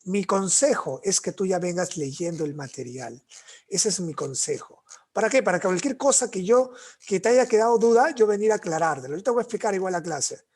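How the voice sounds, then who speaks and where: Man, fairly high husky voice, literature teacher, repeats points, checks in with "ok?". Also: expressive, fairly quick, a little mellow. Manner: repetitive, explanatory, keeps checking with "¿ok?" and "¿no?". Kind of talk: online class lecture.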